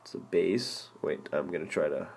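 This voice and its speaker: A man's voice: sits low, moderate pace, vocal fry, darkish tone, slight background noise. A young man casually walking through a phone game as an app reviewer, enthusiastic and rambling, with many ums and restarts. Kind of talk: casual gameplay walkthrough. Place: indoor room, filming a phone screen.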